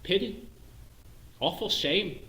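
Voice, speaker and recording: An actor voicing a mild-mannered Northern Irish colleague, low and measured, gently regretful. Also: male voice, lively intonation, exaggerated voice. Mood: rueful. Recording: roomy echo.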